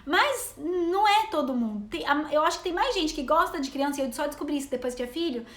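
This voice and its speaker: A woman's voice: high-pitched, lively intonation, fast talker, reverberant. A Brazilian woman in her thirties chatting to viewers in a rambling live stream, a travel vlogger and mother. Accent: Brazilian Portuguese. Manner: chatty, rambling, reading out comments.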